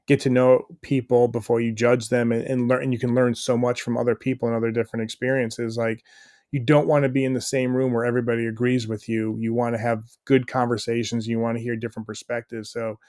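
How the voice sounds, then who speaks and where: A man's voice: mid-range voice, flat delivery, quick pace, darkish tone, no echo, clean studio sound. A middle-aged man, a stay-at-home dad guesting on a podcast, talking in an earnest, rambling way with lots of fillers. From United States. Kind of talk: casual interview chat.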